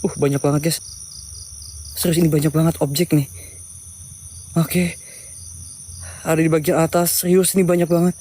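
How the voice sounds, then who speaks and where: Nervous Indonesian man on a night vlog, monotone. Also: on the high side, normal speed, pauses often. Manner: nervous, muttering repeated prayers and invocations. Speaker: host of a night ghost-hunting vlog. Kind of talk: live paranormal exploration commentary. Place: outdoors at night among trees. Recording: noisy outdoor recording with night insects. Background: crickets and insects.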